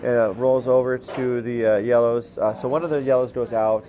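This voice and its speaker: A man calling a curling game as commentator, relaxed and halting, with lots of fillers and restarts and the odd dry aside. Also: mid-range voice, highs cut off, slight background noise. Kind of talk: play-by-play commentary.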